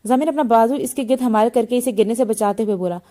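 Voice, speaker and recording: Lady reading a romance novel out loud, kinda high voice but soft and mellow, trips over words a lot. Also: fast. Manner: reads all the characters in a lightly shifted voice, with frequent slips and restarts. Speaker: novel reader.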